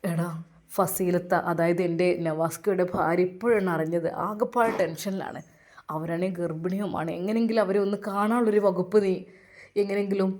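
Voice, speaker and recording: A woman voicing an anxious young man making an urgent phone call, her pitch pushed well down. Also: fairly even intonation, moderate pace, darkish tone, natural voice. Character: young man, worried brother-in-law.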